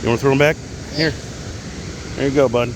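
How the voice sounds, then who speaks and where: A man's voice: mid-range voice, steady tone. A man chatting casually and informally as he films an outdoor fishing vlog. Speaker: amateur angler filming a fishing vlog. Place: outdoors by a waterfall. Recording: loud rushing water noise outdoors. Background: rushing water.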